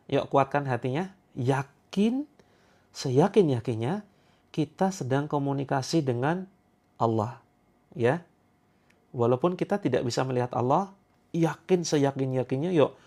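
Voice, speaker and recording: A slightly hoarse man leading a live-streamed ruqyah session. He jokes with viewers, then guides them through a slow, solemn prayer they repeat after him. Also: medium pitch. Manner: relaxed and joking in talk, slow and solemn in prayer. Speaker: ruqyah leader.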